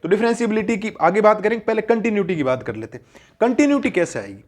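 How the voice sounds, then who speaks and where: A math teacher with a high voice speaks fast and with big pitch swings as he leads a classroom lesson. He asks and answers his own questions and repeats each key point to make it stick.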